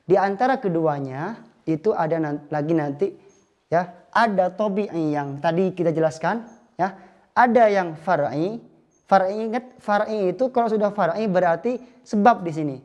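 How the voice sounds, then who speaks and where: A man's voice: sits high, normal speed, a little mellow. Male religious teacher giving a patient lesson, demonstrating with spoken examples. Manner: explains patiently, acting out short spoken examples. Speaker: Islamic teacher.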